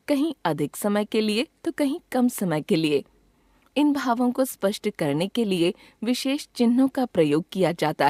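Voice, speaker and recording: A woman with a mid-range voice reads a grammar textbook lesson aloud in a measured, even manner, pausing clearly after each item. It is scripted lesson narration with a dry, studio-quality recording.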